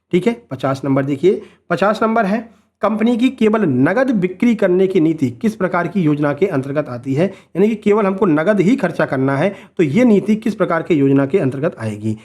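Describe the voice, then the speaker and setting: A man's voice: on the high side, darkish tone. A man teaching an exam-prep lesson who explains each multiple-choice answer. He asks rhetorical questions and keeps checking in with "right?". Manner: rhetorical questions, frequent "है ना?" tag; motivational asides to students.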